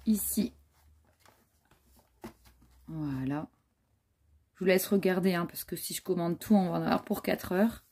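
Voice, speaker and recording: Her voice is warm and lowish, a bit slow, with frequent pauses, as this woman vlogger shows off a handmade scrapbook album. She chats casually in show-and-tell style, sprinkling in admiring asides and fillers.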